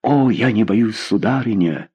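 A man's voice: on the low side, measured pace, mellow, slightly rough. A man voicing a passionate young suitor who pleads ardently, in a read-aloud story. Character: bold, passionate young male suitor Gazhier.

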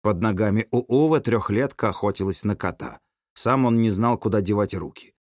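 A man narrating an audiobook in an animated storytelling manner. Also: lowish voice, moderate pace, no echo, clean studio sound. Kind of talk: scripted narration.

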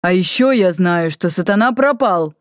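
A woman's voice: on the low side, animated, normal speed, dry recording, lightly acted. A woman voicing Valifor, a red-haired male demon with a dry, teasing manner. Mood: wry.

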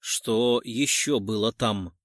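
A man's voice: medium pitch, slow, no echo, voice pushed down, close to an everyday voice. A man reading an audiobook, voicing a persistent, knowledge-hungry male god who asks insistent questions.

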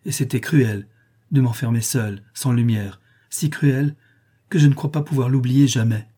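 A man's voice: mid-range voice, fairly even intonation, a little slow, mellow, slightly rough. A man voicing a proud, unhappy orphan girl of about nine in an audiobook, speaking earnestly and indignantly.

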